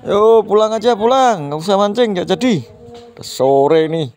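A man's voice: sits high, animated, moderate pace, darkish tone. A man chatting casually to his viewers as he films by a roadside canal, with passing traffic behind him. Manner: chatty, talks to viewers as friends. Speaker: vlogger filming outdoors. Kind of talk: casual vlog narration. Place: outdoors by a roadside canal and rice fields. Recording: outdoor phone recording with road noise.

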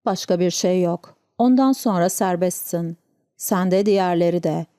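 A woman's voice: on the low side, moderate pace, warm tone, no room sound, clean studio sound, lightly acted. A woman voicing a stern, wounded Breton housekeeper who gives firm orders. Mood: commanding. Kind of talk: audiobook character reading.

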